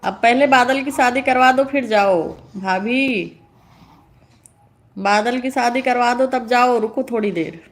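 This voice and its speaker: A woman with a voice on the high side speaks slowly while hosting a casual live stream. She reads comments, greets viewers and teases them, laughing frequently.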